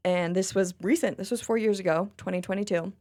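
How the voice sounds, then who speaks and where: A young woman from China co-hosts a podcast in relaxed, chatty conversation. She talks animatedly, laughs often and keeps the banter going. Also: medium pitch, a little fast. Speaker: podcast co-host. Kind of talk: casual chat.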